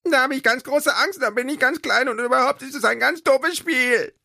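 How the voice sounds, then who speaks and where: A man voicing a small, timid male island creature who chatters fearfully when excited, in an audiobook. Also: a little high, slow, creaky, pitched above the performer's own voice, exaggerated voice. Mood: scared. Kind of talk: audiobook character voice.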